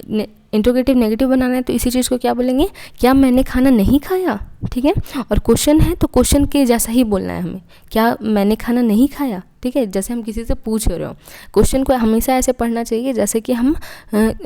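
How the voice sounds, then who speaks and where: A woman's voice: a little high, warm tone. A young woman teaching an English grammar lesson for exam prep, explaining step by step and asking and then answering her own questions. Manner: often says "ठीक है" between points.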